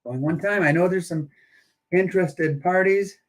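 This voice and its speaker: A man with a high-pitched voice hosts a live coin auction at a moderate pace. He chats and jokes while counting down the bids, in casual live-stream style.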